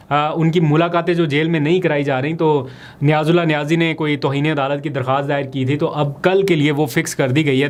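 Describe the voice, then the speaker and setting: Here a male political vlogger breaks down the latest political news at a brisk clip. His pitch runs a touch high for a man, and his explanations stay calm, steady, and factual.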